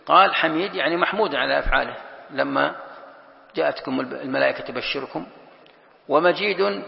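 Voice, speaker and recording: A man's voice: mid-range voice, creaky. A man teaching a Quran commentary lesson as sheikh. He reads a line of text, then explains it and poses rhetorical questions. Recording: echoey hall, dull lo-fi sound.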